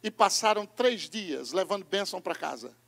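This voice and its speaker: A Brazilian man preaching a sermon as pastor, moving from hushed asides to loud shouting. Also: sits high, animated, moderate pace, vocal fry, long reverb tail. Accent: Brazilian Portuguese.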